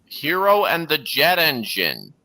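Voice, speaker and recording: Over music and crowd noise, a man hosting a livestream reacts to videos with casual, earnest, detail-oriented remarks. He talks slowly in a fairly high voice with huge swings in pitch.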